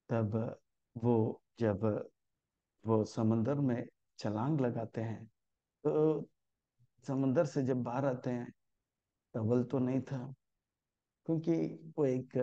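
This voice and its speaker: A man giving a spiritual lecture, telling stories and chanting verses slowly, on a dull lo-fi recording. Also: medium pitch, vocal fry, mellow, no room sound. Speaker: spiritual teacher. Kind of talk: Gita lecture.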